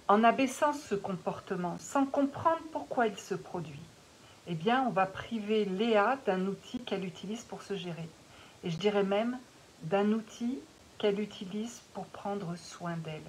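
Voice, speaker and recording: A middle-aged woman, a naturopath and life coach, talking to parents in a live stream she records on her phone, calm and measured, with many pauses and fillers. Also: mid-range voice, low-quality recording. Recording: faint hiss on a phone recording.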